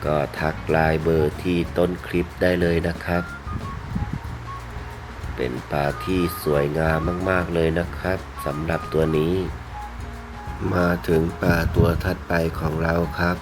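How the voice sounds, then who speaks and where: A man narrates a sales video in a very deep voice. He takes his time, speaking politely in short, separated phrases with little melodic movement. Music plays behind him. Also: level tone, unhurried. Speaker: fish seller presenting betta fish for sale.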